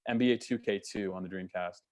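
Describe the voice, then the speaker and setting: Podcast guest, man in his twenties, low-pitched, rapid-fire, colourful storyteller. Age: 20s. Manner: animated storyteller, swears freely. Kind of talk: casual chat.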